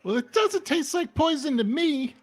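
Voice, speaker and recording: A man voicing a vain, giggly young princess in a high, indignant voice. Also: expressive, moderate pace, soft background music. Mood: sweetly dismissive. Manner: shrill, indignant, high squeals.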